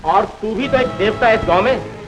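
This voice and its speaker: A man's voice: high-pitched, a little fast, over music, natural voice, low-quality recording. A man playing a scornful village heavy. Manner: scornful, threatening. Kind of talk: 1950s film acting. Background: film score.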